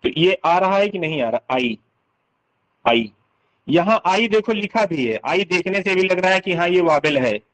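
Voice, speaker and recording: A man with a somewhat high voice gives an exam-prep lesson on English literature. He explains step by step, says sounds aloud over and over, and keeps checking that his students follow. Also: lively intonation, moderate pace, hardly any pauses, poor audio.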